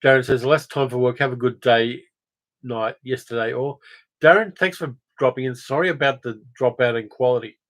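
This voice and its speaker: Rambling middle-pitched man on a livestream. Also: normal speed, fairly bright tone, poor audio. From Australia. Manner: rambling, conversational, frequent fillers. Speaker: film channel host. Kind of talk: casual livestream chat reading viewer comments.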